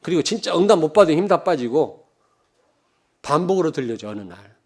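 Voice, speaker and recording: A man in his fifties from Cheonan, preaching a sermon as pastor, joking and telling stories, swinging from loud emphasis to quiet asides and calling out to the congregation. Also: fairly high pitch, big pitch swings, brisk, husky. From Cheonan, South Korea. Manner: joking, anecdotal, calls out to the congregation.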